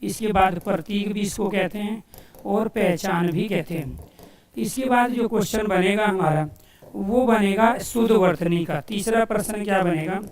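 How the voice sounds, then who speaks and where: A male coaching teacher giving a Hindi grammar lesson for exam students, asking questions and answering them himself and repeating key phrases slowly as if dictating. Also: sits high, roomy sound, recorded from a distance. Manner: addresses listeners as dear friends.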